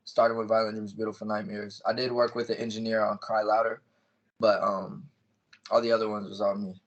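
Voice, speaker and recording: Low, even-toned young man, lo-fi audio. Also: a little fast. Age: 20s. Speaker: music artist being interviewed. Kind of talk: casual interview chat. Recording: dull, lo-fi call audio.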